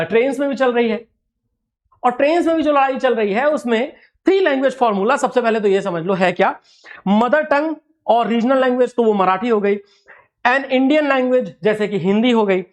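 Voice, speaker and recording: Guy teaching exam prep in hindi, pushy and rhetorical, keeps asking the viewers stuff. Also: very high-pitched. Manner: rhetorical, argumentative, talks straight to viewers. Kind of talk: animated lecture to students.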